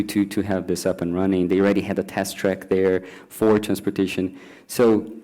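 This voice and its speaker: A man talks through his points at a panel discussion, often pausing on fillers and restarting phrases. His voice sits low and sounds warm and mellow. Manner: hesitant, many fillers and restarts.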